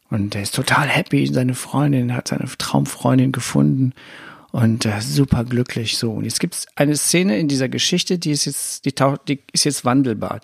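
A man talks through a spiritual self-help podcast in a loose, rambling way, often restarting his sentences. His voice is gravelly and husky at a middle pitch. The sound is dry and close to the mic. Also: no echo. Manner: rambling, self-correcting, conversational. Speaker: podcast host.

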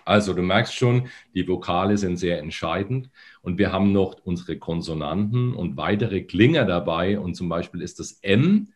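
A male voice coach with a fairly low voice that is still a bit phlegmy from the morning. He explains patiently and breaks into hummed syllables and drawn-out sung lines to demonstrate. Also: expressive. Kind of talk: demonstrating voice exercises in a podcast.

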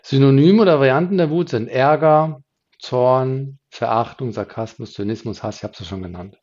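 A man's voice: mid-range voice, moderate pace, darkish tone, muffled recording. A man hosting a podcast, explaining emotions in a solo teaching talk. He rises and drops his voice often and restarts sentences as he thinks. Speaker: podcast host.

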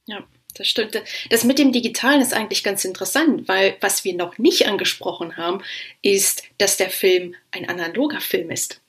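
A woman's voice: mid-range voice, moderate pace. A woman who is a guest film scholar on a podcast, explaining her subject in a loose, hesitant way with many fillers and restarts. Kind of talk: casual expert discussion.

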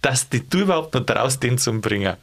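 Gravelly Bavarian man, lively and playful. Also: medium pitch, a little fast. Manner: musing, playful, laughs easily. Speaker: podcast co-host. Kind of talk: casual chat.

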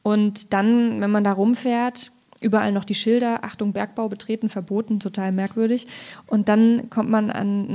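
A woman with a medium-pitched, dark-toned voice talks as a poet in a relaxed literary conversation. She reflects and thinks out loud as she speaks.

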